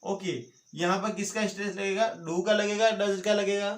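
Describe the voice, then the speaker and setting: An Indian man teaches grammar online in a high, steady voice at normal speed, quizzing viewers with repeated questions and then answering them himself. The home recording is roomy and echoey.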